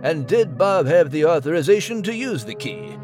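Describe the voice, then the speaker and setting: A man's voice: fairly high pitch, very animated, moderate pace, over music. A man voicing a showy male news reporter who loves puns, with a melodramatic newsreader delivery.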